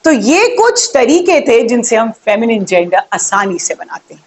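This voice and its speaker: In this grammar lesson, a young woman explains English slowly, breaks words down letter by letter, and asks viewers questions. She sounds somewhat high and sing-song.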